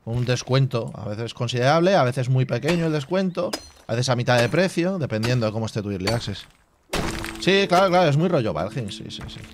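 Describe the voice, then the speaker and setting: A man hosting a casual let's play, reading game menus half to himself and chatting to his viewers with relaxed asides. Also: medium pitch, fairly quick, few pauses, background noise. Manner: chatty asides to viewers with filler tags like "tío". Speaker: gaming channel host.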